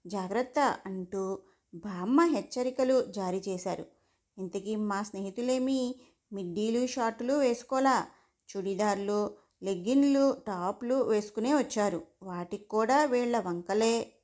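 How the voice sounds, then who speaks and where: A woman narrating a first-person story aloud in an expressive storytelling manner. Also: medium pitch, a little slow.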